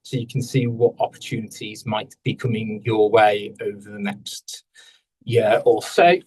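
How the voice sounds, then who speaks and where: A man's voice: on the low side, unhurried, darkish tone, slightly rough, far from the mic, low-quality recording. Businesslike man giving a webinar talk. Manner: fluent, businesslike with some fillers. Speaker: lawyer presenting. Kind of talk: webinar presentation.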